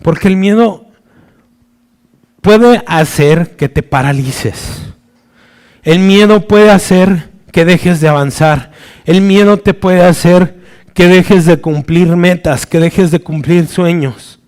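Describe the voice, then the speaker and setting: A man preaching a sermon, slow and searching, pausing on restarts and checking in with his listeners, acting out the voices in the story. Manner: acts out quoted voices with sudden swings of pitch and loudness.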